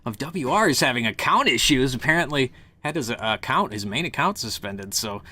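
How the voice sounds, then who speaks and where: Male esports co-host, conversational and punctuated with uhs, mid-pitched voice with a sharp, bright edge. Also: animated, fairly quick, a little hiss or hum. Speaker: esports co-host and league commissioner. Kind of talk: conversational esports news and commentary.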